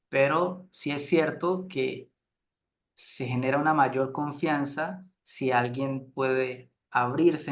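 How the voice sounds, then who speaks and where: Unhurried man teaching a class. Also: mid-range voice. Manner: unhurried, checks in with frequent "¿sí?". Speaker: group facilitation instructor. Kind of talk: relaxed lecture to a class.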